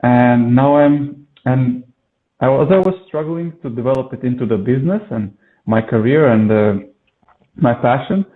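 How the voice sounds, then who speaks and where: A man's voice: mid-range voice, moderate pace. A man from Latvia, a yoga and mindset coach, talking in an interview with many hesitant filler sounds. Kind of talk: conversational interview. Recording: tinny phone-like call audio.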